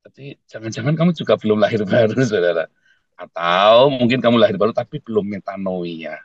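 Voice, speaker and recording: A man preaching a sermon in blunt, emphatic with a lilt, swinging between loud peaks and quiet asides and addressing listeners as brothers and sisters. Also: on the low side, expressive, a little fast, no echo, highs cut off. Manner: keeps calling listeners "saudara". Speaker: pastor.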